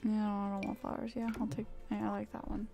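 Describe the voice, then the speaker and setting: A woman's voice: medium pitch, little pitch movement, fairly quick, vocal fry, warm tone, faint music behind. A woman streaming a building game, muttering to herself in casual, frustrated commentary.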